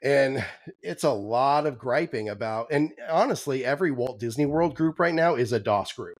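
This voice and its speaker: A man co-hosting a podcast, chatting casually with frequent ums and restarts, his voice going hoarse. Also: medium pitch, expressive, moderate pace, no room sound. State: losing his voice. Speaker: podcast co-host. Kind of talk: casual chat.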